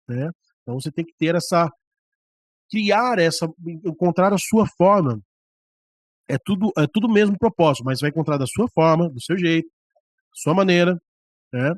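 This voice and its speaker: A man's voice: on the high side, husky, no echo. Brazilian man giving a conversational lecture. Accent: Brazilian Portuguese. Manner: conversational, often demonstrating with voice and mic. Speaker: church leadership teacher. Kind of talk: classroom lecture on preaching. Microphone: microphone on a stand, about ten centimeters away.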